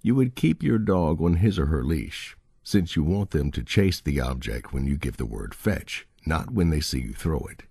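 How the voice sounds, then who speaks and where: Male audiobook narrator, deep and mellow, lively intonation, reads instructions steadily. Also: normal speed, gravelly, hardly any pauses, slightly rough, no echo. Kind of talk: scripted narration of a dog-training book.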